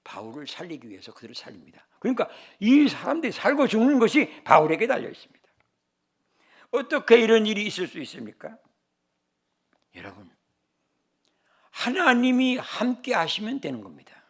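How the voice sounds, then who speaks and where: An older man from the Chungcheong region, a senior pastor, preaching a sermon in an animated way and telling humorous personal stories. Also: sits high, normal speed, long pauses. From Chungcheong, South Korea.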